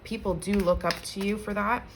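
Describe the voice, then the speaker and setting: A woman's voice: mid-range voice, fairly even intonation, moderate pace, background noise. A woman giving a casual collective tarot reading, chatting conversationally and speaking straight to her viewers. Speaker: tarot reader.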